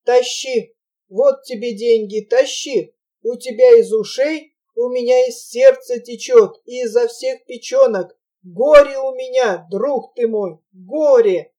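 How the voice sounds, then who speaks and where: A woman's voice: on the high side, slow, mellow. A woman voicing a desperate, grieving middle-aged merchant who laments and exclaims.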